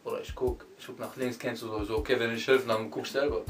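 A young man telling friends a cheat-sheet exam story in a low-key, mumbled, slangy way. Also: level tone, fast talker, recorded from a distance, slight background noise. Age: young adult. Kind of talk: casual slangy anecdote.

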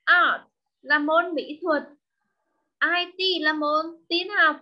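A woman teaching an online class, drilling words through slow repetition and coaxing questions to her pupils over a video call. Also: high voice, fairly even intonation. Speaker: English teacher. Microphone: video call microphone. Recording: dull lo-fi online call audio.

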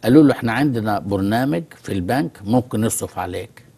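An Egyptian man with an Egyptian Arabic accent, a talk show guest calmly explaining through stories. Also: lowish voice, racing, gravelly, husky. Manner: storytelling, calm and explanatory. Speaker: guest expert on immigration. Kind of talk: studio talk show conversation.

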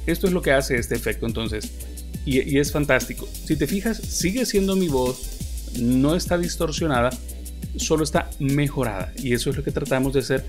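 A man teaching podcast editing, talking patiently with frequent hesitant fillers like "eh". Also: medium pitch. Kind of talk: explanatory tutorial. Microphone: studio podcast microphone.

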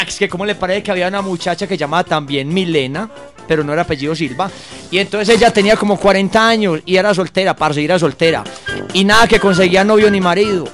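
A high-voiced man with a Colombian Paisa accent tells jokes on stage. He acts out each character as he goes, and faint music plays behind him. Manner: animated storyteller, acts out voices. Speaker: comedian. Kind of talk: live joke-telling.

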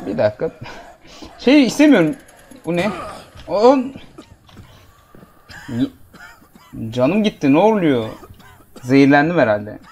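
A man's voice: a little high, big pitch swings, a little slow, pauses often, darkish tone, slight background noise. A man giving casual, jokey let's-play commentary and talking back to the game characters as he plays. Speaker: gameplay commentator.

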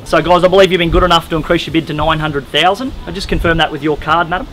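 Out on an open-air wooden deck with music in the background, a young Australian man runs a live auction, calling bids in formal, polite patter. He talks fast with a fairly high pitch, a steady tone and a fairly bright quality, and there's slight background noise.

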